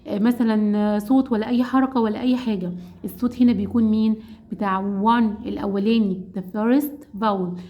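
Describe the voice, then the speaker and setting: Egyptian woman teaching phonics, fast and high. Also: lo-fi sound. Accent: Egyptian Arabic. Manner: asks and answers her own questions, checks with "okay?"; drawn-out sounding of vowels. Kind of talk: explaining a phonics lesson to mothers.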